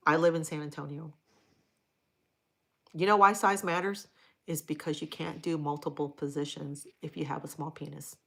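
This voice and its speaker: Woman from hawaii on a livestream, lowish voice, blunt and crude, just chatting back to the comments. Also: steady tone, moderate pace, creaky, pauses often, fairly bright tone, breathy edge. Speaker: livestream host answering chat. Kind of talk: casual live-stream chat.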